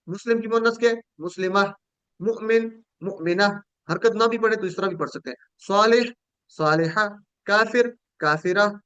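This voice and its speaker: A man's voice: sits high, fairly bright tone, no room sound, highs cut off. A man teaching an online Quranic Arabic grammar lesson in speech, patiently drilling word pairs and prompting students to repeat. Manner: patient, repetitive drilling with call-and-response prompts.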